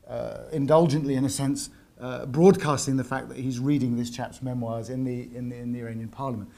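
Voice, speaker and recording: A man giving an academic seminar lecture at a university, often pausing and repeating words as he searches for the right phrasing. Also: mid-range voice, creaky, mellow. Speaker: visiting lecturer.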